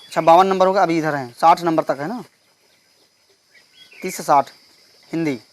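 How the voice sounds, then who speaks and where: A male teacher solving an exam paper step by step. He reads each question slowly and keeps checking in with the class. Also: a little high. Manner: explains step by step, reads questions slowly, repeats "theek hai". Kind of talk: exam paper walkthrough lesson.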